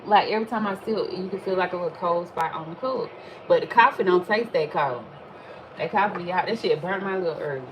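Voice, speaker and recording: A woman, chatting casually while reading tarot cards, animated and swearing freely. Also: lowish voice, fairly quick, highs cut off, background noise. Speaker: tarot reader. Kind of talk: casual livestream chat.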